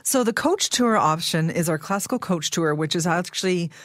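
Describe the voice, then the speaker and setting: A woman's voice: fairly low pitch, expressive, normal speed, no echo, clean studio sound. A woman speaking as a travel company guest, informally explaining packages in a radio interview.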